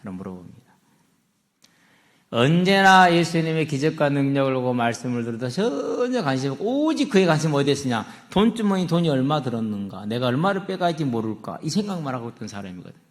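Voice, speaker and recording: A middle-aged male pastor, preaching in a church sanctuary with a long hall echo trailing his words. He retells the story and keeps asking his listeners questions. His voice sits at an ordinary pitch. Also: sing-song, fast talker. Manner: storytelling, asks the congregation questions. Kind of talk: sermon.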